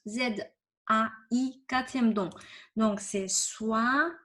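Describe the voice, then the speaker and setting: A woman's voice: on the high side, drawn-out words, bright, forceful tone. A woman teaching a vocabulary lesson over a shared screen, patiently repeating words and often checking with "ok?". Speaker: Chinese teacher.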